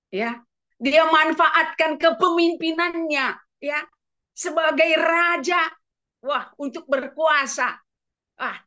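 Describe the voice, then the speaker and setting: A woman preacher telling a story in a sermon, animated and full of exclamations, in a dull lo-fi recording. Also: high voice.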